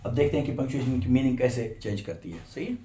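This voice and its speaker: A man's voice: mid-range voice, expressive, fast, warm tone, slight background noise. A man teaching a grammar lesson, explaining step by step and often checking "right?" with his students. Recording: roomy echo.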